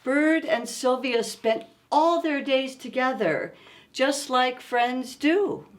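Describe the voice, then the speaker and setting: Reading a picture book to young children, a storytime host speaks slowly in a high voice. She coaxes them along expressively and asks them questions.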